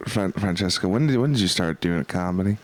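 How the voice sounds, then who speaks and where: A man co-hosting a comedy podcast, teasing his guests with deadpan jokes and steering the talk. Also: low-pitched, a little fast, a little hiss or hum. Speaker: podcast co-host. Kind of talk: casual comedy podcast banter.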